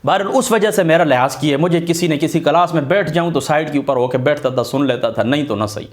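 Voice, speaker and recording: Earnest middle-aged man telling stories. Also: fairly high pitch. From Pakistan, Attock area. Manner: earnest, animated storyteller who swears oaths to his truthfulness. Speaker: Islamic religious scholar. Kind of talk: casual storytelling talk.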